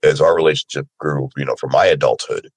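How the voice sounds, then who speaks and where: Here the Sri Lankan-born panelist and voice actor, who moved to America as a child, speaks informally and openly about his own life, frequently checking that the listener is following. The voice rumbles low, fast and husky, without any room sound.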